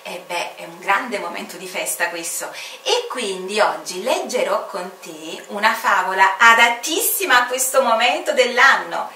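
A woman's voice: medium pitch, moderate pace, few pauses, pushed and bright, roomy sound, recorded from a distance, a little hiss or hum. A woman storyteller host reading a fairy tale aloud to children, speaking to the child directly in a coaxing way.

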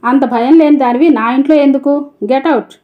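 A woman reading a storybook, voicing an arrogant rich young wife who speaks in a sharp, scornful way. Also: high-pitched, a little fast, lo-fi sound, close to an everyday voice.

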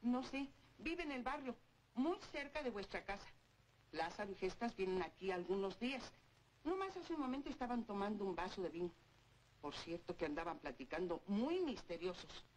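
Woman acting gossipy tavern lady in old horror movie, mid pitch, bit of hiss. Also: lively intonation, normal speed, darkish tone, lightly acted. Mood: chatty, confiding. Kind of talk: 1960s gothic horror film acting. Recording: faintly noisy old film soundtrack.

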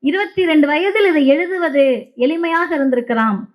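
A woman's voice: high-pitched, animated, normal speed, rough recording. A woman giving an impassioned, emphatic stage speech to a crowd, repeating key lines. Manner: impassioned, emphatic oratory with repetitions. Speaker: public speaker.

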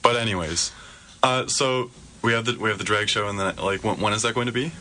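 Young male college radio host, Minnesota accent, low voice, filler-heavy casual delivery. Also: a little fast. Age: young adult. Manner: relaxed, many fillers like "like". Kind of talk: casual campus radio interview. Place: campus radio studio.

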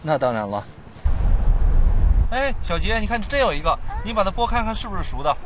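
A man's voice: high-pitched, sing-song, a little fast, a bit bright, slight background noise. A man playing a patient father explaining sights to his young daughter in a teaching drama.

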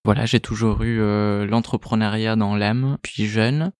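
Man in his thirties, halting. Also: on the low side, steady tone, a little mellow, smooth, dry recording, clean studio sound. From Italy. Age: 30s. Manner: hesitant, many fillers and repeated words. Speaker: guest, startup co-founder. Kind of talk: casual interview answers.

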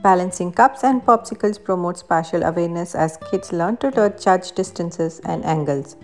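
Woman, lowish voice, scripted explainer narration, faint guitar music behind. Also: moderate pace. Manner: even, explanatory reading of benefits. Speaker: narrator of a parenting activity video.

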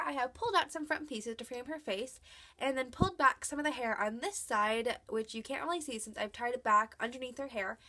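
A young woman with a cold, a doll collector vlogger, narrates a chatty, upbeat scripted voice-over showing her dolls' outfits. Her voice is high-pitched, pushed, and bright.

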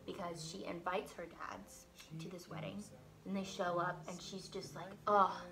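A woman's voice: fairly low pitch, fairly even intonation, moderate pace. A young woman chatting casually in a vlog while doing her makeup, rambling and filling her speech with "like". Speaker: vlogger and stage actress. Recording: music playing under the voice.

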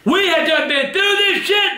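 Older American man, very high strained pitch, irascible, profane ranting, echoey noisy room. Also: normal speed. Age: older, over 60. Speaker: cantankerous star of a comedy vlog. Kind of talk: ranting casual banter. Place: indoors at a dining table. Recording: echoey room with loud background noise.

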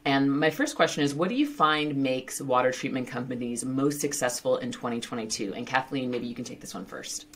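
A woman's voice: extremely low pitch, brisk, few pauses, a bit bright, slightly rough. A woman hosting a podcast interview, chatty and jokey, laughing at her own slips and restarting sentences. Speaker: podcast host. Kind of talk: casual interview chat.

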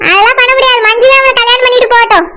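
A woman's voice: very high-pitched, racing, sharp tone. A woman as a teasing, blunt village girlfriend. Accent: Kanyakumari Tamil. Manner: teasing, mocking. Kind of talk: village skit acting.

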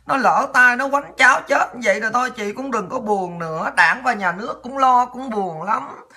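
A woman with a Southern Vietnamese accent mimicking a female party official who consoles a grieving mother in a soft, slow, mock-sympathetic voice. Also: on the high side, breathy edge. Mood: mock soothing.

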